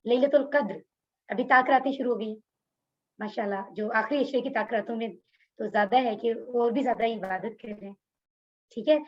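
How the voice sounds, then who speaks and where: Speaking at normal speed in a slightly high voice, a woman with a Pakistani Urdu accent teaches an online Quran course via video call, and the highs are cut off. Word by word, she explains and repeats meanings, then puts questions to the class.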